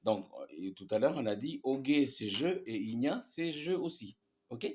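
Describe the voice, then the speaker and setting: A male teacher walks through grammar examples at an unhurried pace. He repeats each word, drawing it out slowly, and checks in with "ok?" as he goes. His pitch moves around a lot as he stresses the examples. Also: lively intonation, a little mellow. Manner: patient, repeats examples, many fillers and checks with "ok?". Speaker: language teacher. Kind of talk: explaining grammar in a language lesson.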